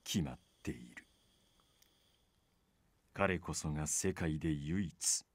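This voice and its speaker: A villainous mastermind from a visual novel game, with a low voice and a dry, close sound. He monologues slowly and theatrically, with calm menace in every phrase. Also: slightly rough, no room sound, full character voice. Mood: menacing, musing.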